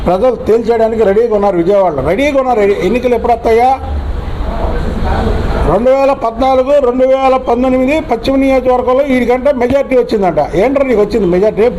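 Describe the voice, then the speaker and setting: High-pitched combative man over traffic. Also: fast talker, dark tone, poor audio. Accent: Telugu. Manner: combative, scolding. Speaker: local politician. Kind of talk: angry press statement.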